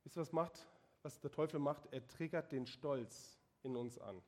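A man's voice: medium pitch, normal speed, dark tone. A man preaching a sermon, emphatic and asking the congregation direct questions.

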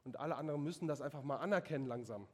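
A man's voice: on the high side, very fast, a little mellow, husky. A man voicing a male devil who taunts and belittles the listener in a sermon. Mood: tempting.

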